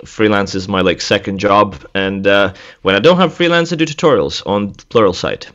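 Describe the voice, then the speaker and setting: A man in his thirties from Latvia, a guest artist chatting casually in an interview, relaxed and laughing easily. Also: fairly low pitch, normal speed, dull audio. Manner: relaxed, laughs easily, speaks in loose restarts. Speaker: guest, senior environment artist.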